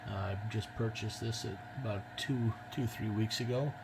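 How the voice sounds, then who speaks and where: An American ham radio operator chats casually over the air in a lowish, gravelly voice at normal speed, polite and slightly hesitant, with noise in the background.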